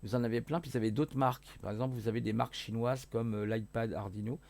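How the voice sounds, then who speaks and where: Man, gravelly, mid pitch, hesitant casual tutorial, joking asides. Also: fairly even intonation, quick pace, a little mellow. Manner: rambling, hesitant, many fillers and self-corrections; jokey asides. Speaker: hobbyist electronics youtuber. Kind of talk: casual screen-share tutorial.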